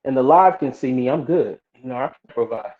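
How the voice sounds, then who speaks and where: A man's voice: mid-range voice, animated, brisk. A man co-hosting a live stream over a video call, joking and teasing his cousin. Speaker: co-host. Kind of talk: casual live-stream chat. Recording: dull video-call audio.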